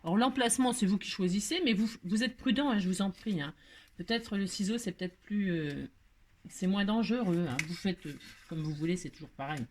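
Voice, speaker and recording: A woman's voice: mid-range voice, brisk, darkish tone, a little hiss or hum. A woman hosting a casual craft tutorial, chatty and self-mocking, full of fillers and repeated asides.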